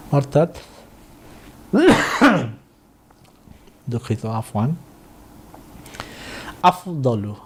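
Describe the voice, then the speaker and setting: A man teaching Arabic in a recorded lesson, slowly drilling and repeating words for learners to copy. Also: mid-range voice, warm tone, a little hiss or hum. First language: Bengali.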